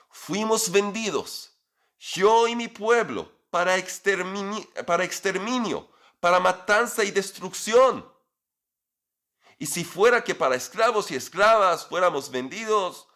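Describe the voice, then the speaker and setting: A man's voice: high voice, lively intonation, unhurried, fairly bright tone, pitched above the performer's own voice. A man voicing a young queen who pleads her case earnestly to the king, in a storytelling lesson. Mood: urgent plea.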